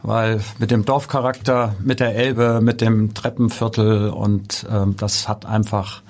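A man's voice: on the low side, little pitch movement, measured pace, darkish tone. A middle-aged man answers interview questions in a studio. He speaks thoughtfully and stops often to hesitate with fillers. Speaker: guest, construction company executive. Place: podcast studio.

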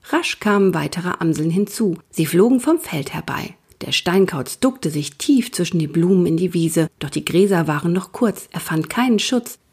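A woman reading a children's nature story aloud, soft and partly whispered. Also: lowish voice, lively intonation, moderate pace, few pauses, husky.

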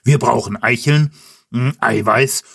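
A man voicing a grumpy, blustering wild-boar king in a gruff, grumbling tone for a storybook reading. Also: mid-range voice, a little slow, a bit bright, pitched above the performer's own voice, exaggerated voice.

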